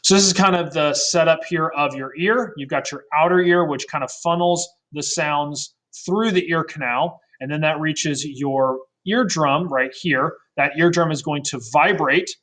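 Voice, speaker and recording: A man's voice: a little high, normal speed, few pauses, fairly bright tone. A man teaching a recorded science lesson in a casual way, often adding "right?" and correcting himself mid-sentence. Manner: fillers and self-corrections.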